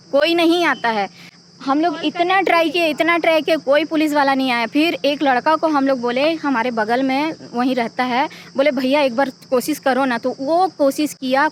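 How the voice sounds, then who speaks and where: A woman's voice: high voice, a little hiss or hum. A middle-aged woman, the mother of a victim, giving an urgent, pleading eyewitness account in a news interview.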